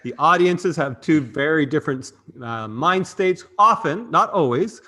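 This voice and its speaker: A man's voice: on the high side, lively intonation, a little slow, bright, forceful tone. A man hosting a live marketing show, upbeat and joking in casual chat. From Canada. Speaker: podcast host.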